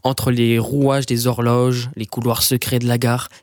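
A man's voice: mid-range voice, level tone, unhurried, dry recording, clean studio sound. A young man chatting casually about a film he saw, with many hesitations and fillers. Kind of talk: casual film review chat.

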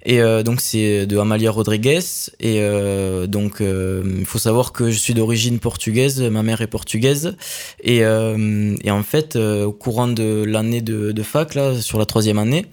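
Hesitant low-voiced young man. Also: fairly even intonation, a little slow, darkish tone. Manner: hesitant, many fillers. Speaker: accordionist guest. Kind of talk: casual interview answers.

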